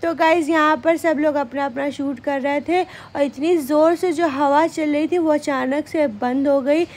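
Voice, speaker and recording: A woman's voice: high voice, steady tone, measured pace, darkish tone. A young woman narrating a family outing vlog in a chatty way, talking straight to her viewers. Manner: chatty, addresses viewers as guys. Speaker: vlogger.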